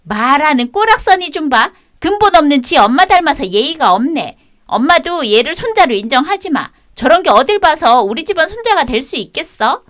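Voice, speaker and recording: A woman's voice: high voice, big pitch swings, normal speed, a bit bright. A woman voicing a spiteful, bossy middle-aged sister-in-law in a radio drama, sneering and scolding.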